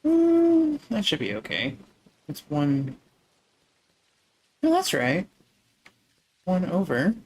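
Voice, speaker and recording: Soft-spoken male streamer with a raised voice and gravelly edge, unhurried, chatting to viewers as he builds. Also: high voice, wildly swooping pitch, slight background noise, low-quality recording. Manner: talks through building steps to viewers. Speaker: livestream host. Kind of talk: relaxed gaming livestream chat.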